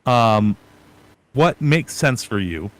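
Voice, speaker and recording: A man's voice: medium pitch, lively intonation, slow, low-quality recording. Chatty man giving streaming advice. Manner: thinks out loud, talks in long run-on advice. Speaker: guest streamer. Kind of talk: casual panel chat.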